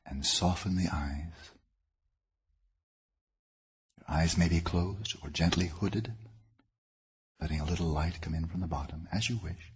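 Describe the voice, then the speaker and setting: A man teaches a guided meditation, his words slow and measured with pauses between phrases. His voice sits low and carries a breathy edge.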